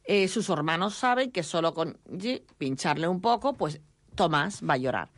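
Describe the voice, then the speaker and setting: A middle-aged woman, a mother and author telling lively family stories in an interview, briefly mimicking her children in a higher voice. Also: normal speed, no room sound. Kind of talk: interview answer, storytelling.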